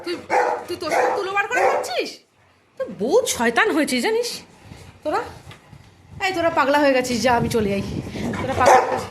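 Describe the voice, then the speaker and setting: High lively woman sweet-talking her dogs. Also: fast, pauses often. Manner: coaxing baby talk, playful scolding. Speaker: pet owner vlogger. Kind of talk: casual talk to pet dogs. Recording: loud background noise with dogs barking. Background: dogs barking.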